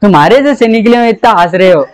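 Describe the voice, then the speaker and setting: A man's voice: sits high, lively intonation, fast. A male science teacher giving a jokey classroom lecture, repeating questions to students and calling for their attention. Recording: noisy classroom crowd. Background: students talking and laughing.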